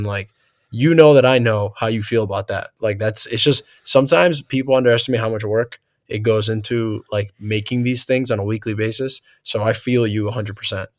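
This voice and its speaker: A man's voice: mid-range voice, no echo, clean studio sound. A young man hosting a casual gaming podcast, rambling and laid-back, laughing often as he talks. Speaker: podcast host.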